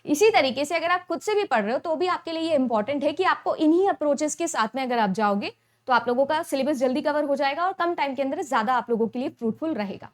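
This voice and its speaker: A woman's voice: high-pitched, lively intonation, quick pace. A young woman teaching an exam-prep lesson, explaining step by step and often checking in with her students. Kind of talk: Hindi-English mixed lecture.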